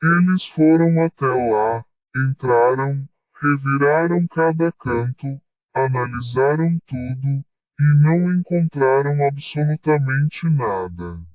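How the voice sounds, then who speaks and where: Slow man through a voice changer. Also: medium pitch, no room sound, recorded from a distance, dull audio. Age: 30s. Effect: voice changer altering his voice. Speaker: interviewed witness. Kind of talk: first-person account of a scary story.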